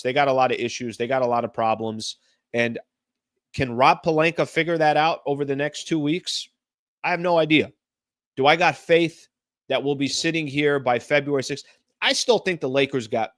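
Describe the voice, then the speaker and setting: A man's voice: mid-range voice, fairly bright tone, no room sound. A male sports show host talks straight through an opinion monologue, hammering his points with repeated phrases. His voice sits in a middle register. The sound is close and dry, with no room around it. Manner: emphatic, repetitive rhetorical phrasing. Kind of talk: casual sports commentary monologue.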